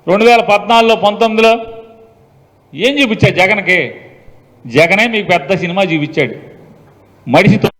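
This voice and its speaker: Forceful, mocking man with a high, bright voice. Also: moderate pace, long pauses, big-room sound, rough recording. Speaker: politician. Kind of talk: public speech to reporters.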